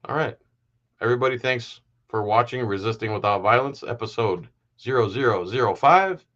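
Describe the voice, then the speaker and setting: A man's voice: medium pitch, moderate pace, a bit bright, highs cut off. A man hosting a live stream, giving heated, sarcastic commentary in a casual way.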